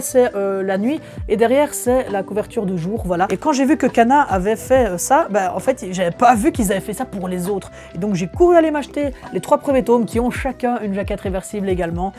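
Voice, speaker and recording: Speaking in a warm tone that sits high, an eager manga collector in his twenties presents his latest buys in a relaxed home video. He frequently pauses with filler words as he talks.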